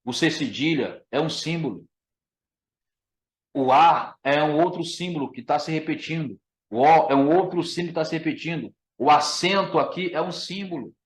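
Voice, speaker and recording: A man with a Brazilian Portuguese accent and a slightly high voice teaches a Bible lesson as a pastor at a moderate pace. He is emphatic, repeats his key phrases, and calls his listeners brother, recorded in an echoey room.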